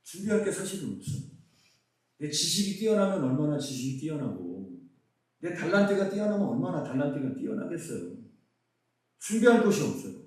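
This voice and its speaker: A middle-aged male pastor from Seoul preaches at a conference, his voice swinging up and down with lively emphasis as he puts rhetorical questions to the room. His pitch sits a little high for a man. The sound is caught from some distance and rings with a strong hall echo. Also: brisk. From Seoul, South Korea. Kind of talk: conference sermon. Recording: very echoey hall, mic far off.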